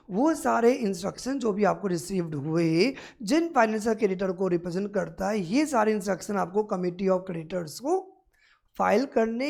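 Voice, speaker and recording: A woman law tutor giving an exam-prep lecture, acting out scenarios and quizzing the class, then reading legal text out slowly. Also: medium pitch, creaky. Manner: animated, acts out scenarios in first person and asks the class questions.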